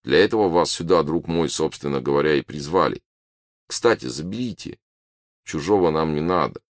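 A man reading the part of a polite, condescending male alien official who lectures smoothly. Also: a bass voice, expressive, normal speed, no room sound, clean studio sound. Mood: patronizing.

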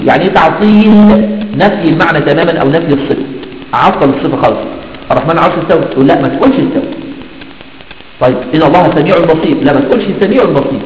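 A man with an Egyptian Arabic accent teaches an Islamic creed lesson, asking himself questions and answering them quickly. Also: on the high side, a little hiss or hum. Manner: rapid, asks and answers his own questions. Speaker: religious teacher. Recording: dull echoey hall recording.

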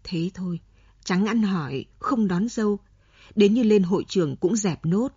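A woman narrating a novel in a steady storytelling manner. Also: medium pitch, moderate pace, breathy edge, no room sound, dull audio. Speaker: audiobook narrator.

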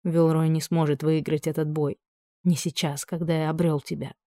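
A reader voicing a devoted duke, lord of dragons, who murmurs softly to his wife and turns steely when crossed. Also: medium pitch, little pitch movement, normal speed, dry recording, lightly acted. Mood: tender. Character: tender yet stern duke, lord of dragons.

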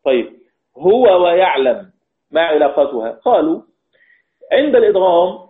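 A man's voice: high-pitched, sing-song. A man with an Egyptian accent teaching a Quran recitation lesson, explaining step by step and putting questions to his students. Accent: Egyptian Arabic. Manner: chants verse lines slowly. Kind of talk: recorded online lesson. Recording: tinny phone-like line.

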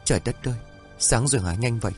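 A man's voice: medium pitch, fast, soft background music, close to an everyday voice. A man voicing a heartbroken old husband. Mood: bewildered. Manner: anguished, crying out.

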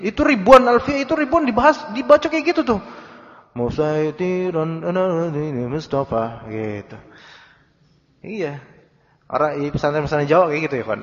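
Man teaching in an echoey hall. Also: sits high. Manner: conversational, quizzes listeners, briefly chants examples. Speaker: Islamic teacher. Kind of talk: religious book study lecture. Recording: dull recording in a long-reverb hall.

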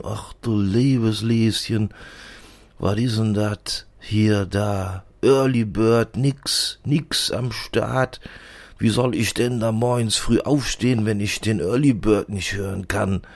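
A man's voice: fairly low pitch, steady tone, slow pace, vocal fry, a little mellow. A man playing a gossipy, grumbling male lab assistant with a Rhineland accent, rambling and fumbling for names in a comic podcast monologue. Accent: Rhineland German. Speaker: podcast character.

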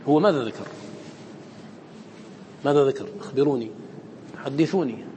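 A man's voice: medium pitch, normal speed, mellow, big-room sound, a little hiss or hum. A man teaching students the rules of Quran recitation, who often quizzes his listeners and repeats his points. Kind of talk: lecture to students.

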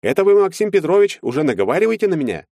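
A man's voice: sits high, very animated, rapid-fire, vocal fry, warm tone, dry recording, studio quality, pitched above the performer's own voice, full character voice. A man reading an audiobook, voicing a nervous, evasive middle-aged male lawyer who talks around every question. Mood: indignant.

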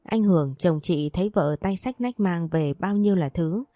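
A woman narrating an audiobook story in a steady, even storytelling manner. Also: on the low side, normal speed, dry recording, studio quality.

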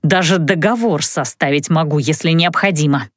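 A woman's voice: low-pitched, normal speed, no echo, clean studio sound, pitched below the performer's own voice, natural voice. A woman voicing a stern, fiery middle-aged mother in an audiobook, speaking sharply and scoldingly. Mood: stern, angry. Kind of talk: audiobook character voice.

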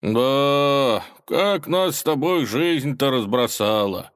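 A man voicing a boastful, toothless old male forest robber in a storybook, squeaky and quick to take offense. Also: expressive, lightly acted. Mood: chummy. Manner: squeaky, petulant, easily offended. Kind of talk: storybook character voice.

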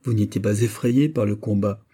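Man doing a young captain in love, ardent, begging, low warm husky voice. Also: fairly even intonation, moderate pace, lightly acted. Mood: pleading. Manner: fervent, pleading. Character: dashing young naval captain, ardent lover.

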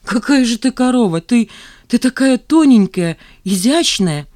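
A woman's voice: fairly high pitch, expressive, a little slow, darkish tone, no room sound, studio quality, pitched above the performer's own voice. A woman reading an audiobook, voicing a mild, patient young man.

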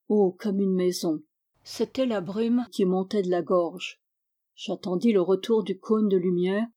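A woman reading a literary novel aloud as an audiobook, calm and measured, voicing the dialogue softly. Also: medium pitch. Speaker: audiobook reader.

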